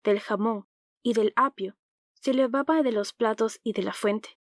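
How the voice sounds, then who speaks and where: A woman narrating an audiobook in a calm, even reading voice, close to the mic. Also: a little high, normal speed, no room sound.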